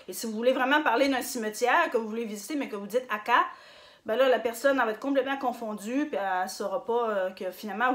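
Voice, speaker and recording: Woman teaching slowly, higher voice. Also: a bit bright. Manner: hesitant, many fillers, repeats words slowly for drills. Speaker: language teacher on her own channel. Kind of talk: casual spoken lesson.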